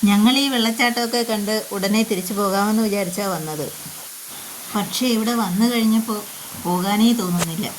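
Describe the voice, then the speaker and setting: A woman narrating a casual travel vlog, mixing English words into her Malayalam. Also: medium pitch. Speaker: travel vlogger. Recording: noisy outdoors, loud rushing water hiss.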